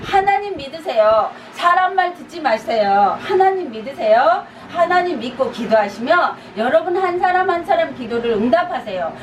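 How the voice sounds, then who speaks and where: A woman pastor preaches in a chatty teaching style, circling back to the same urgent calls with small laughs. Her voice sits high and swings widely in pitch. It reaches the mic from a distance in a reverberant room, with steady background noise. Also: normal speed, few pauses. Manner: repetitive, urging exhortations with light laughs. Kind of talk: conversational teaching sermon. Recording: echoey, distant, noisy room.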